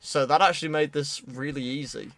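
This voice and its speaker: A British man streaming his 3D modelling work, chatting casually with a friend in a relaxed, self-deprecating way and cracking dry jokes. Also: fairly high pitch, brisk, no room sound. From United Kingdom. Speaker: streamer, 3D artist. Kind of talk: casual chat while working.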